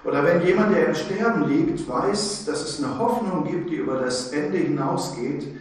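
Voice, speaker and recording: A man preaching a sermon, telling a story and then speaking directly and earnestly to his listeners. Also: on the high side. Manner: earnest, addresses listeners directly with informal you; storytelling with slow emphatic phrases. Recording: very echoey, distant mic in large room.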